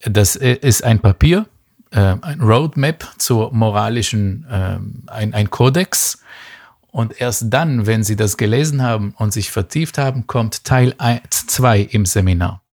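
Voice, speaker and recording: A man from Israel with a fairly low voice talks through a question slowly and carefully. He often pauses on fillers and restarts his sentences. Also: a little mellow. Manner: thoughtful, measured, many fillers and restarts. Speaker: guest expert. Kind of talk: explanatory podcast talk.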